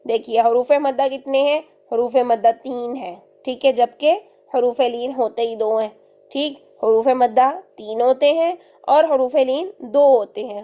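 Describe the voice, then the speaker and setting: A woman's voice: on the high side, dull audio. A woman teaching a recitation lesson step by step, patiently repeating each point and checking in often.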